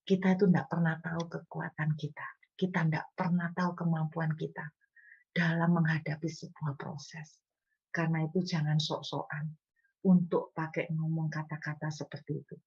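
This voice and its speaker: A woman preacher, giving a sermon and acting out sample prayers with sudden high, pleading leaps. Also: little pitch movement, normal speed, darkish tone, slightly rough, lo-fi sound. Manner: acts out sample prayers with big pitch jumps; mixes in Javanese words.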